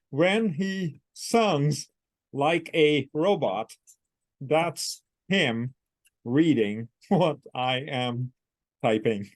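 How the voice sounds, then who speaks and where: A middle-aged man reading out his son's typed words in a slow, halting, robot-like delivery, one word at a time. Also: a little high, no room sound. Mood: measured.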